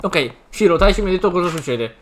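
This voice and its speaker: A man reading subtitles aloud for a stern adult ex-yakuza who protects orphans, in a slightly deeper tone. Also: expressive, fast, slight background noise. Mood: determined.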